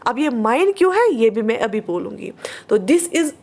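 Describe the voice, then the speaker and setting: A woman teaching an online English grammar class, explaining patiently, asking the class questions and slowing down to read out examples. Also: a little high, very animated, a little mellow.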